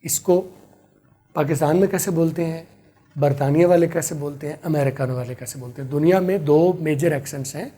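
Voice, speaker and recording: A man teaching an online English lesson, his voice dark and a little husky. He explains patiently and drills each phrase over and over, writing as he talks. He speaks a shade higher than most men. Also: a little fast. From Pakistan. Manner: writes on a board while explaining.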